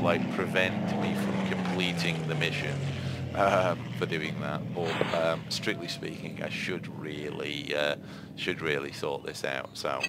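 A very deep-voiced man talks through a game step by step, chatty and explanatory. His voice sits low, and a loud hiss runs under the whole recording. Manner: chatty, explains step by step with frequent "yeah?" asides. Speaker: game reviewer. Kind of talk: gameplay commentary.

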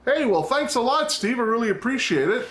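A man's voice: very high voice, very animated, brisk, a bit bright. A middle-aged man hosting his own channel, chatting loosely to camera at home, rambling and self-interrupting, with the odd curse word. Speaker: vlog host. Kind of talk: casual chat to camera. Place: at home, indoors.

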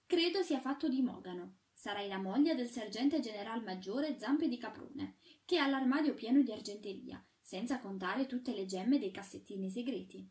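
A pompous old porcelain figure from a storybook, played by a woman reader, making loud, self-important pronouncements. The voice stays fairly high and mellow, with a slight distance from the mic. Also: normal speed, few pauses, reverberant, natural voice. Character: old porcelain Chinese man, pompous matchmaker.

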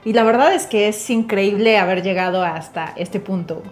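A woman's voice: medium pitch, moderate pace, faint music behind. A woman in her thirties from Mexico City with a Mexican Spanish accent, chatting cheerfully as co-host of a language channel, recorded on a lapel mic in a home kitchen. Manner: cheerful, laughs often. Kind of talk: casual bilingual chat.

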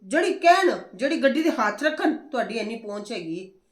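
A woman acting as a forceful older sister-in-law in a family drama, firmly reassuring a worried relative. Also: on the high side, very animated, a little fast, reverberant. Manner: forceful and reassuring, talks down fears.

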